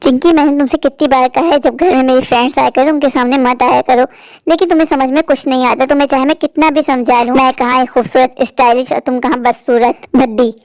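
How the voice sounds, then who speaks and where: A woman's voice: high-pitched, steady tone, fast talker, darkish tone, no echo. A woman voicing a spoiled, cruel teenage stepsister in a cartoon story, scolding and scornful. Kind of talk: cartoon voice acting.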